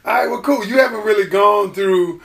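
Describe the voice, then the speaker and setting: A man's voice: high voice, fairly quick, creaky, fairly bright tone. A man hosting a motivational podcast, telling his story in an earnest, conversational way. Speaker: podcast host.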